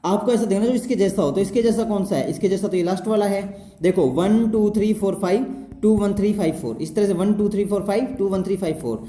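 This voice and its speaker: A man's voice: high-pitched, fast, warm tone. A man teaching reasoning for exams at a whiteboard. He works through each step and keeps checking that the viewer is following. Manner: step-by-step explaining, keeps checking with "theek hai". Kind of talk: whiteboard exam-prep lesson. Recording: echoey room with faint noise.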